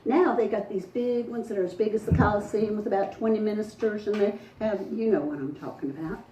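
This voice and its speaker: A woman's voice: mid-range voice, fairly quick, noisy background. A woman storyteller, telling a folktale to a live audience in a folksy, dramatic way. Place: front porch event. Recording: echoey, distant mic, faint ambience.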